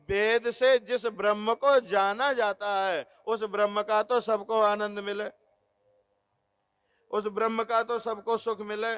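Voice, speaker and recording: A man giving a devotional sermon on scripture, explaining slowly, repeating phrases and often addressing listeners as Narayan. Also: sits high, a bit bright, clean tone, no room sound. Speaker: religious discourse speaker.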